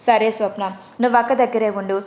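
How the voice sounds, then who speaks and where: A woman voicing a gentle young husband who speaks softly and reassures others, in a spoken storybook. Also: a little high, fairly even intonation, fairly quick, slight background noise, close to an everyday voice. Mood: grieving. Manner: soft, reassuring.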